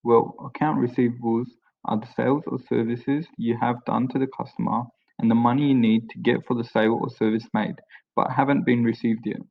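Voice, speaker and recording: A man with a mid-pitched, gravelly voice introduces the screencast in a plain, even reading. The screen-recording voice-over sounds dull and lo-fi. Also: brisk. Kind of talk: read-aloud screencast introduction.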